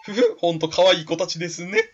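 A man voicing a calm, polite and mysterious adult male team leader in a game, in soft, composed tones. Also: high-pitched, brisk, slight background noise. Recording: slightly dull lo-fi recording.

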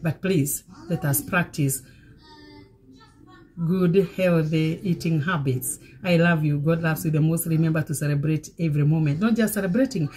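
A woman's voice: deep voice, darkish tone. Woman, middle-aged, pastor, home kitchen, camera on counter, repeats herself to encourage, noisy background. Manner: encouraging, repeats phrases for emphasis. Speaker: pastor hosting a cooking show. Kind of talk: casual cooking demonstration with preaching.

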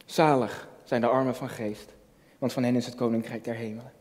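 With a mid-range, darkish voice, fairly even intonation and a slightly fast pace, a man in his early thirties preaches as a junior pastor. He's earnest and reflective, repeating phrases for emphasis and asking rhetorical questions. The lectern shot on the indoor church stage is distant, with long hall reverb.

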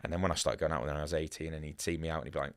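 Speaking rapid-fire in a very deep, steady voice, a North Wales tattooist rambles cheerfully as a podcast guest in the studio. The casual interview chat, recorded on a boom mic, is peppered with "you know" and "yeah."

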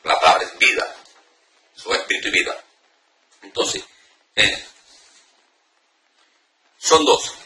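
A man's voice: takes it slowly, pauses often, bright, forceful tone. A man preaching informally, teaching spiritual warfare prayers and speaking straight to the listener, earnest and repetitive with many restarts and fillers. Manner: addresses the listener directly. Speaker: deliverance preacher. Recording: roomy sound, mic far off, faint noise.

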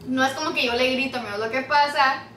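A young Mexican woman hosting a casual couple's vlog, talking loud, teasing and animated. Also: high-pitched, fast talker, slight background noise. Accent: Mexican Spanish. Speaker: vlogger hosting a couple's mukbang. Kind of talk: casual chat. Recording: roomy echo, faint music behind.

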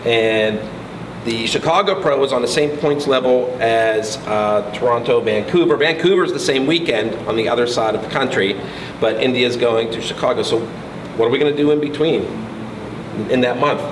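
A man's voice: mid-range voice, moderate pace, noisy background. A middle-aged man hosting a casual interview in a gym, teasing and joking with his guest. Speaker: interviewer, host. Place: large indoor gym, in front of a logo wall. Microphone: far camera mic. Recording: echoey room, picked up from a distance, with clear ambience.

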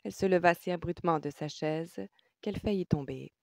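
A woman narrating an audiobook in a measured, even storytelling manner. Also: fairly low pitch, vocal fry, dry recording, studio quality. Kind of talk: scripted narration.

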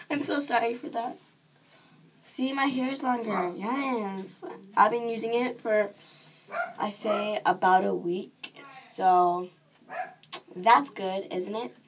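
A teenage girl chatting casually to camera in a home vlog, rambling with lots of fillers. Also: medium pitch. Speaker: vlogger. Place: home bedroom. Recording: noisy home recording, dogs barking. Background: dogs barking.

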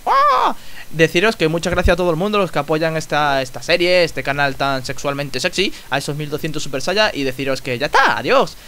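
A young man with a Spanish accent from Spain, commenting on his Minecraft play in an excitable, joking way and swearing freely. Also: a little fast, few pauses, poor audio. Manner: excitable, swears, jokes, sudden squeaky outbursts. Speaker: gaming YouTuber. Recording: faint hiss.

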